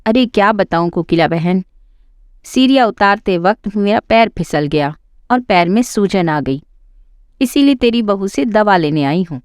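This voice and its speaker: A woman's voice: medium pitch, expressive, measured pace, no room sound, studio quality, close to an everyday voice. A woman voicing a limping female neighbour who complains about her sore foot. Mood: complaining.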